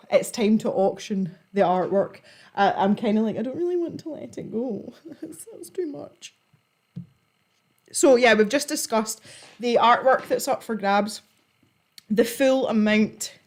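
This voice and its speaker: A giggly woman with a Scottish accent, chatting informally as she hosts a livestream. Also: medium pitch. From Scotland. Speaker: livestream host. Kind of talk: casual chat to a live audience.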